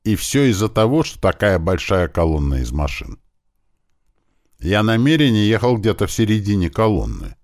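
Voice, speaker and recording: Deep-voiced male audiobook narrator. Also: darkish tone, no room sound, clean studio sound.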